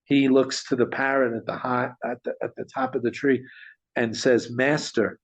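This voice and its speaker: A man telling a story in conversation, animated, with frequent restarts and small chuckles. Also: mid-range voice, moderate pace. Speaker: guest storyteller. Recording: dull lo-fi sound.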